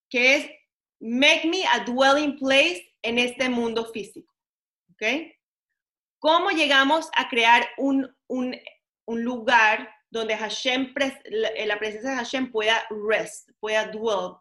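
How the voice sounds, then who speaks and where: Woman, bright high voice, relaxed teaching tone that switches into words mid-sentence. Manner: mixes English words into Spanish, asks "¿ok?" often. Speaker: teacher of a weekly class. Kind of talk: casual spiritual lesson.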